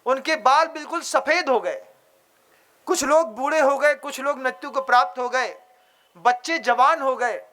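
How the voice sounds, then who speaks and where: A man's voice: very high voice, pushed and bright. A man, a monk, preaching a sermon to an audience, exhorting them and asking rhetorical questions.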